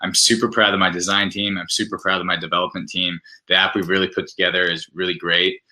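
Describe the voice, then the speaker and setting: This man talks fast in a low voice with a level, sharp tone. Appearing as an interview guest, he walks through his product point by point, sounding eager and conversational.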